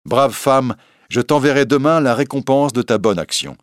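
A man's voice: medium pitch, lively intonation, normal speed, no echo, clean studio sound, pitched above the performer's own voice, close to an everyday voice. A man voicing a bold, generous outlaw who speaks with confident, mocking politeness. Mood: magnanimous. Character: bold, generous male outlaw, young adult.

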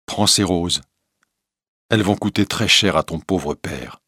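A man's voice: deep voice, a little slow, sharp tone, breathy edge, no room sound, studio quality, full character voice. A man reading a humble, frightened old merchant. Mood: pleading, sorrowful. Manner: pleading, humble. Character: poor frightened old merchant, a loving father.

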